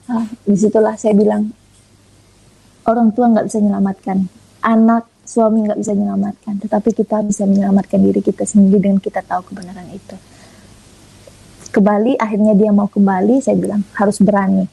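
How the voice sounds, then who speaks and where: A woman from Indonesia giving a conversational testimony in an interview, telling her story in a lively way and acting out the dialogue. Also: medium pitch, a little fast, creaky, slightly rough, rough recording. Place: online audio room.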